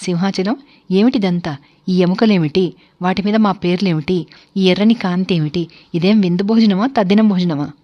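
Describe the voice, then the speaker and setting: Give me a woman voicing an irritable, outspoken man from an audiobook, loud and indignant, on a dull recording. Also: medium pitch, fast talker, lightly acted. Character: irritable, outspoken male dinner guest.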